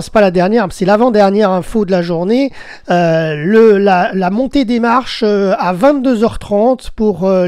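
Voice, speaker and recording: A man's voice: high voice, a little mellow, dry recording, clean studio sound. A man hosting a radio podcast, reading out the day's festival programme with many fillers and restarts. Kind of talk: daily festival programme rundown.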